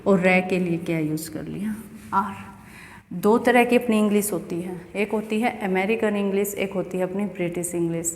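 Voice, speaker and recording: Recorded in an echoey space with lengthy reverb, the clip features a woman from India teaching English pronunciation. Her medium-pitched voice is darkish and runs at a normal speed as she explains things gradually and poses questions to the student.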